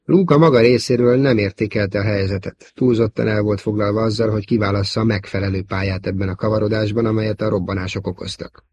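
A man reading a novel aloud as an audiobook narrator, measured and steady. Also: lowish voice, muffled recording. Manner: measured storytelling. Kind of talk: scripted narration.

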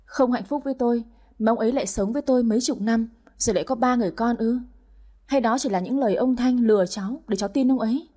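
A woman voicing an older wife who answers calmly and firmly, with a husky voice. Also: a little high. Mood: calm reproach. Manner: calm, measured, firmly reproachful. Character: older wife, calm, firm and reproachful.

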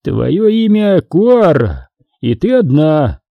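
A man's voice: sits high, sing-song, a little slow, no room sound, narrow, tinny audio, voice pushed up, exaggerated voice. A man reading an audiobook, voicing a cruel, imperious male Sith lord who gives orders. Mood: commanding. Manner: imperious, commanding.

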